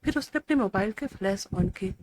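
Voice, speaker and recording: A woman's voice: mid-range voice, expressive, brisk, noisy background. Woman reading an emotional story. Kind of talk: scripted story narration.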